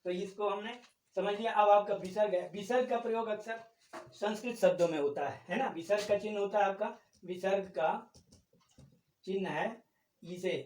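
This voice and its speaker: High-voiced male teacher in an echoey room. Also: normal speed, darkish tone, far from the mic, slight background noise. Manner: asks the class questions and answers them himself; explains step by step, repeating terms. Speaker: Hindi grammar teacher. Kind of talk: classroom-style lesson.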